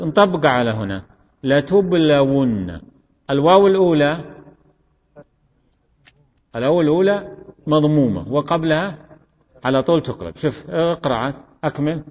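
A male teacher gives a grammar lesson in a classroom, asking questions and repeating his students' answers. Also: mid-range voice. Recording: dull recording in a reverberant hall.

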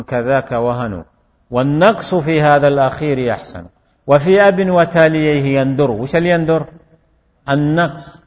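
Male grammar teacher lecturing a class; measured pace, keeps asking the room questions; dull recording with long hall reverb. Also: a little high. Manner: slow, deliberate explanation with frequent questions to students.

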